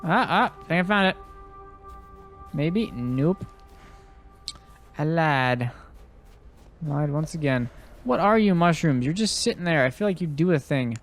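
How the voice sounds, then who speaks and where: A man's voice: fairly high pitch, animated, a little slow, long pauses, faint music behind. Chatty young man playing a game. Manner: chatty, swears freely, reads game notes aloud in put-on accents. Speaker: let's play host. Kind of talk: casual gameplay commentary. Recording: faint background noise.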